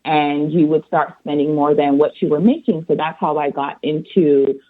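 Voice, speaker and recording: A woman's voice: low-pitched, steady tone, normal speed. Woman from Barbados on a phone line. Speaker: guest, accountant and author. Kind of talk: interview answers.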